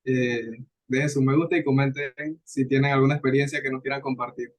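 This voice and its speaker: Flat-voiced young man. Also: medium pitch, a little fast. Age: young adult. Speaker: podcast co-host, student. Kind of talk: casual discussion podcast.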